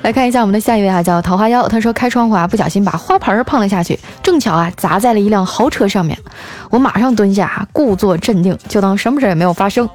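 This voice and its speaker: A woman hosting a radio-style podcast reads listener messages aloud and answers them playfully, teasing and often laughing. Her medium-pitched, slightly mellow voice moves at a quick pace with lively intonation, over faint background music.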